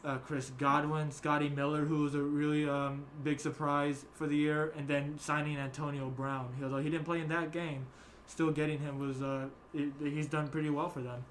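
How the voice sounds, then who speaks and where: A man's voice: a little high, little pitch movement, moderate pace, hardly any pauses, a little hiss or hum. A young man hosting a casual sports chat, rambling with many fillers and restarts. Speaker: podcast host.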